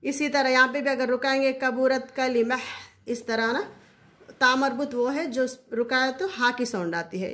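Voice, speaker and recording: Woman, somewhat high voice, casual lesson, repeats key words. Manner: repeats key terms, asks listeners to remember. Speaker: teacher of Quranic Arabic grammar.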